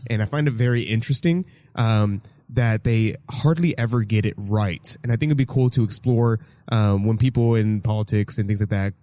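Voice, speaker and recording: Low-voiced man, halting, full of ums. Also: dark tone, no room sound. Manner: hesitant, many ums and uhs, laughs often. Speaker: podcast host and catechism teacher. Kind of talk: casual chat.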